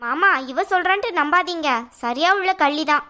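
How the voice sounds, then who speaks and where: A woman's voice: sits high, lively intonation, moderate pace, sharp tone. A woman voicing a sly, meddling young sister-in-law in a cartoon, taunting sarcastically in a Tirunelveli Tamil accent. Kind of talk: cartoon voice acting.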